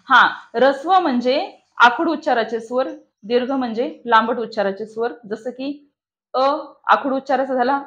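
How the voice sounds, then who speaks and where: A woman with a high-sitting, fairly bright voice teaches shorthand on lo-fi audio. It's a classroom lecture with online students present, and she keeps asking the class questions and then answering them herself.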